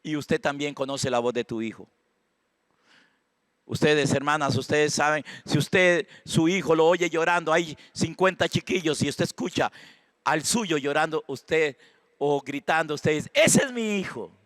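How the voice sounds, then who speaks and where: A man preaching a sermon with a Costa Rican accent, swinging from hushed prayer to loud exhortation. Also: a little high, steady tone, unhurried, dry recording. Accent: Costa Rican Spanish. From Costa Rica. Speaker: pastor. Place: church sanctuary.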